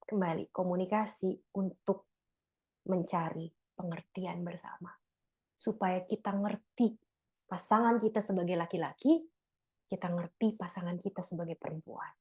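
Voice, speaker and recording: A woman's voice: fairly low pitch, steady tone, moderate pace, darkish tone, slightly rough. A middle-aged woman, giving a casual talk to a church couples' group, chatty, slangy and laughing often. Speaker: speaker at a church couples' fellowship.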